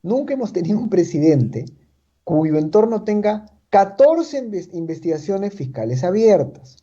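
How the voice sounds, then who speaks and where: A man's voice: high voice, big pitch swings, measured pace, mellow, husky, muffled recording. A man from Chiclayo, Peru, with a Peruvian Spanish accent, giving political commentary as an analyst in an interview. He talks emphatically, repeats his points and tags them with rhetorical questions.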